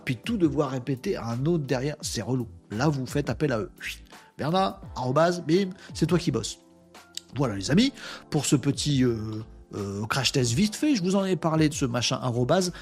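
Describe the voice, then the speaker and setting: A man hosting a live stream with a slightly high, husky voice. He chats in a joking, rambling way, full of fillers. Faint music plays behind him. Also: darkish tone. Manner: chatty, joking, thinks aloud with many fillers. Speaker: live show host. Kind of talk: casual live-stream chat.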